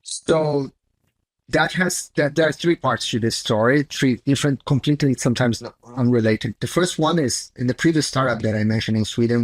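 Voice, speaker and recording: Blunt and candid, this Brazilian-accented man speaks at medium pitch with no echo over a video call. He is the CTO guest in a relaxed interview, his non-native phrasing loose, and he sits indoors in a small home office.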